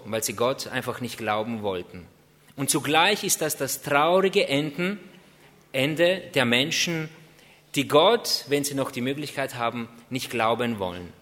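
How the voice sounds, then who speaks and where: Earnest preacher in a reverberant hall. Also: male voice, medium pitch, expressive, a bit bright. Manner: earnest, rhetorical questions, drawn-out emphasis. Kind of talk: sermon.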